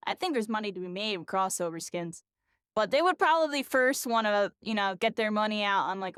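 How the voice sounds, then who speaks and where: A tired woman game streamer, her voice worn out after a long session, rambles casually, peppering her talk with "like" and "you know." Her voice is medium-pitched, fairly bright, and clean, recorded with clean studio sound and no echo.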